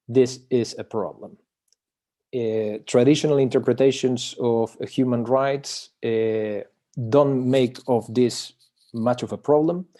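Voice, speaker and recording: A man from Chile, presenting his book over a video call in an academic talk, pausing often with filler sounds and restarting phrases. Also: mid-range voice, dark tone.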